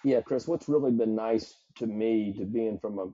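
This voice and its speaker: Dark husky Southern man, earnest coach. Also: lowish voice, moderate pace, no echo, highs cut off. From South Carolina, US. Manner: earnest, reflective, motivational. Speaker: psychologist and performance coach guest. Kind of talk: podcast interview.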